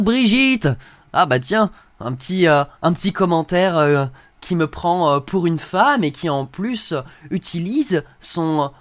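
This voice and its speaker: A young man with a slightly high voice, recorded dry and close-miked, reacts to hateful comments as a video creator. He mocks them ironically and reads them aloud in put-on voices.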